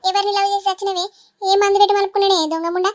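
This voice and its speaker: A woman's voice: very high-pitched, level tone, rapid-fire. A woman voicing a melodramatic middle-aged village mother in a cartoon, scolding and wailing with a Telangana Telugu accent. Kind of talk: cartoon voice acting.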